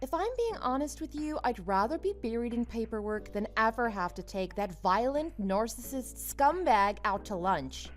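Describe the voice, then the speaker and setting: An actress playing a friendly, earnest young female office worker, confiding and expressive, in a dramatized story. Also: on the high side, moderate pace, few pauses, faint music behind. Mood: exasperated, worried.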